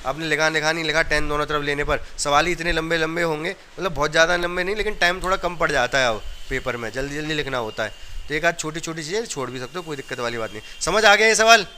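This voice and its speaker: A man's voice: on the high side, fast talker, sharp tone, slight background noise. A man from India teaching a maths class, explaining each step and often checking that the students have understood.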